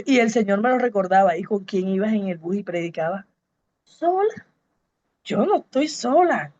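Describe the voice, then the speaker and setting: A woman's voice: medium pitch, dark tone, no room sound, muffled recording. A woman pastor and evangelist, giving a fervent preaching testimony to a congregation and repeating her key phrases. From Colombia.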